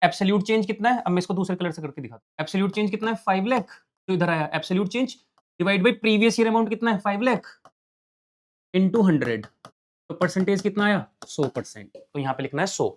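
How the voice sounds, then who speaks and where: A man teaching accountancy in an online lesson, reading out numbers as he writes and firing quick questions that he then answers himself. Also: sits high. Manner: talks while writing, reading out numbers. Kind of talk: online lesson, solving on a board.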